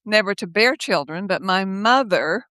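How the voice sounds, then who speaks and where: An older woman speaking as a guest over a video call from her home office, telling stories in a lively way, laughing often and acting out the voices of others. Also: mid-range voice, moderate pace, dry recording. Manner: lively, laughs often, acts out quoted speech. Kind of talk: casual conversational storytelling.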